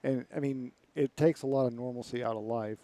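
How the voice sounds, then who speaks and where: A man's voice: medium pitch, steady tone, fairly quick, mellow, no echo. A man hosting a sports radio show, asking friendly, conversational questions. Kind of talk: radio interview.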